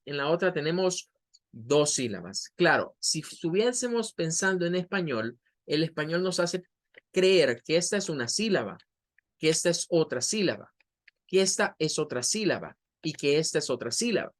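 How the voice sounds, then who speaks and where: Man, native Spanish speaker, English teacher, online pronunciation lesson, slow repeated model words. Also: a little high, a bit bright. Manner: explains slowly, repeats words in drawn-out models.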